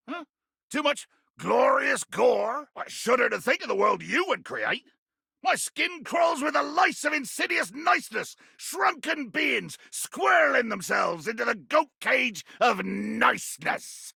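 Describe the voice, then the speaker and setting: A grandiose, murderous pirate captain for a video game. His voice is piercingly forceful and thick with gravelly creak, leaping wildly up and down as he rolls out florid, archaic sea-dog menace. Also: very high voice, dry recording, clean studio sound, full character voice. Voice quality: raspy, gravelly growl. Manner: grandiose, archaic seafaring speech with florid threats. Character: bombastic, bloodthirsty, theatrical pirate captain trapped in a bottle. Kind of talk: theatrical video game character acting.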